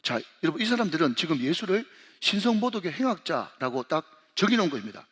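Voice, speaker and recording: A man's voice: a little high, very animated, fast, a bit bright, slightly rough. A man who is a senior pastor preaching a sermon, talking straight to the congregation and calling them to read along. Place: church sanctuary. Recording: long hall reverb.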